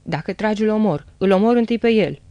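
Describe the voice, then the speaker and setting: A woman's voice: mid-range voice, animated, warm tone, dry recording, lightly acted. A woman voicing a snarling pirate man. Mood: menacing. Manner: threatening, snarling through teeth. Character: fierce male pirate disguised as monk.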